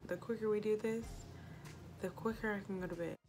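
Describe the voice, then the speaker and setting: A woman's voice: mid-range voice, fairly even intonation, brisk, background noise. A woman in her twenties chatting casually to camera as a makeup vlogger, with a tipsy, giggly, rambling drunk manner. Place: small indoor home set, close to camera.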